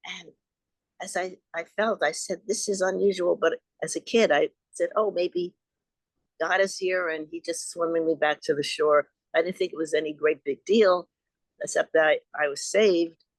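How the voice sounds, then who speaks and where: A woman's voice: on the low side, fairly even intonation, moderate pace, dry recording. An older woman from Long Island, a guest and author recounting personal experiences in an earnest, rambling way over a video call. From Long Island, New York. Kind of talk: storytelling in an interview.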